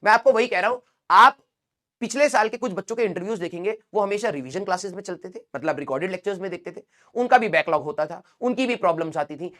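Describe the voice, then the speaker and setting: A man's voice: high-pitched, pushed and bright. A young man teaching, giving an earnest motivational talk to exam students and checking in with them often. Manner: earnest, addresses students as beta, frequent "theek hai?".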